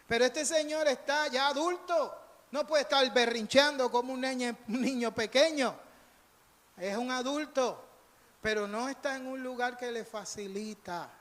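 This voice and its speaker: Speaking at normal speed in an extremely high, slightly bright voice, a male pastor from Puerto Rico delivers a sermon in Puerto Rican Spanish. He tells stories conversationally and emphatically, echoing phrases and playing out bits of dialogue. The setting is a live church service in a sanctuary whose hall reverberates.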